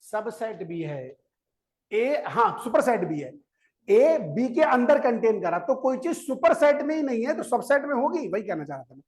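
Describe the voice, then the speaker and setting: A male maths teacher's very high, slightly mellow voice has a sing-song quality as he lectures at normal speed. He coaxes and quizzes his students, repeats each key step, and urges them to listen before they write.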